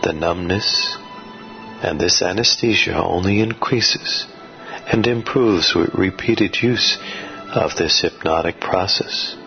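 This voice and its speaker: A man narrating guided sleep hypnosis like a soothing sleep-story narrator, with measured, repetitive, suggestive phrasing. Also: low-pitched, gravelly. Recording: dull lo-fi audio under music. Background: music.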